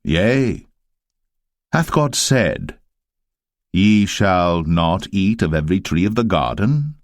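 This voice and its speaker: A sly serpent acted out by a man speaks low and close, with a dry sound. It is cunning and persuasive, tempting with slow, insinuating deliberation in an audio scripture drama. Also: big pitch swings, no room sound, full character voice.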